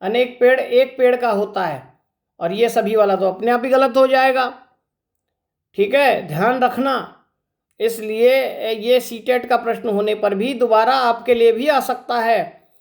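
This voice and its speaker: A man's voice: extremely high pitch, steady tone, a little slow, gravelly. A male teacher leads an exam-prep grammar lesson. He works through each answer one step at a time, asking rhetorical questions and then answering them himself. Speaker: Hindi teacher.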